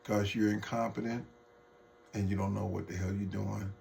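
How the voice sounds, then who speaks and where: A man's voice: lowish voice, level tone, normal speed, gravelly, darkish tone, a little hiss or hum. A man delivering an off-the-cuff political rant to his viewers, heated, mocking and profane, addressing them as folks. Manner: talks straight to viewers as folks. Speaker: political vlogger.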